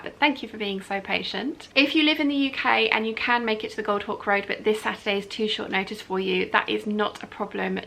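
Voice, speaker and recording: A British woman hosting a casual, chatty giveaway announcement video in an upbeat, excitable, emphatic way. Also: mid-range voice, creaky. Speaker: video channel host.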